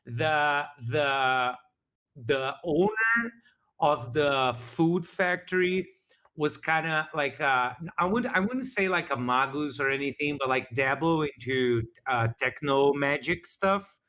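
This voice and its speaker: A man's voice: a little high, animated, slow, bright, forceful tone. A man talking casually as a game master, rambling with frequent restarts while reflecting on his campaign. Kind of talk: casual after-show chat.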